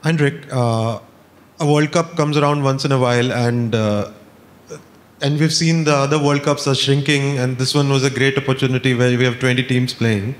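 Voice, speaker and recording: A man's voice: mid-range voice, steady tone, moderate pace. A man, a reporter, asking a long-winded question at a press conference with some fillers.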